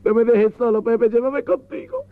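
A man voicing a melodramatic, camp mourner who wails in a shrill falsetto over his dead partner, recorded on a tinny cassette with audience laughter. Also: wildly swooping pitch, normal speed, dry recording, exaggerated voice. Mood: wailing.

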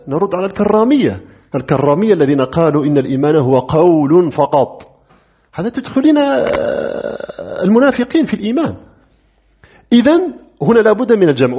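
A middle-aged man teaching a lecture on religious creed, animated, asking rhetorical questions and answering them himself. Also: fairly high pitch, husky. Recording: tinny phone-like lo-fi recording.

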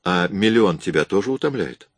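A hard, impatient young burglar who fires off curt, pressing questions, read by a man. His voice is very deep and sits in a dry, close recording. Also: expressive, normal speed, no room sound. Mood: determined. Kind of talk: audiobook reading.

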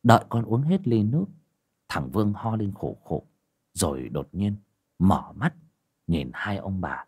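A man narrating an audiobook story in a measured, expressive way. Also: deep voice, breathy edge.

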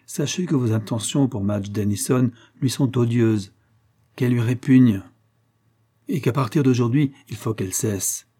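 A man's voice: medium pitch, moderate pace, warm tone, breathy edge, lightly acted. A man reading the part of a brave, honest young man standing up to a gunman in a Western story. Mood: defiant. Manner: firm, defiant. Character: brave honest unarmed young male rival.

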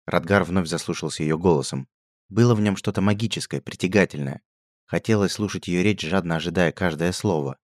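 Deep-voiced male storybook narrator. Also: brisk, no room sound, clean studio sound. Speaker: audiobook narrator.

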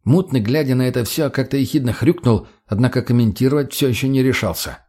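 A man narrating an audiobook in a steady, plain storytelling manner. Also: mid-range voice, fast talker.

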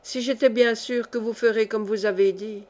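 A woman's voice: a little high, steady tone, a little mellow, natural voice. A woman reading a cool-headed rebel clog-maker. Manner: cool, deliberate, commanding.

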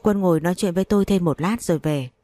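Talking fast yet staying calm and even, a woman narrates a first-person audiobook story in a low, mellow voice. The recording is close and dry, without echo or room.

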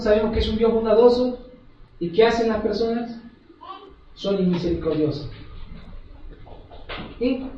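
A hoarse male preacher giving an emphatic sermon, often putting questions to the congregation. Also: high-pitched, a little hiss or hum. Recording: echoey hall from far off, dull and lo-fi.

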